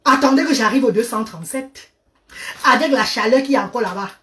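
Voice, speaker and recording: High-voiced coaxing woman, a bit off-mic. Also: a little fast, sharp tone, distant mic, slight background noise. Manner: coaxing, showers viewers with endearments; switches between French and English. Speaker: live-stream host giving diet advice. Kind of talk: casual live-stream chat.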